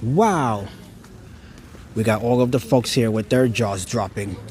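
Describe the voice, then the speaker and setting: A man touring holiday lights on a neighborhood street at night narrates his live stream casually, filming with a phone on a handheld gimbal. His lowish, darkish voice moves unhurriedly, sounding awed, chuckling often and now and then stammering.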